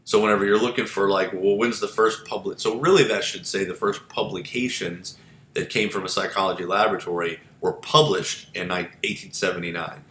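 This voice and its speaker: A man's voice: steady tone, a little fast, sharp tone. Chatty male lecturer in an echoey room. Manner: chatty, digressive, many fillers. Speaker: psychology instructor. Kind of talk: informal recorded lecture. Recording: echoey room with low rumble.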